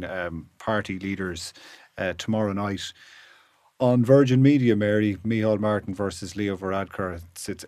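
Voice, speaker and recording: A man's voice: fairly low pitch, darkish tone, dry recording. Irish man hosting a news podcast. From Ireland. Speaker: podcast host.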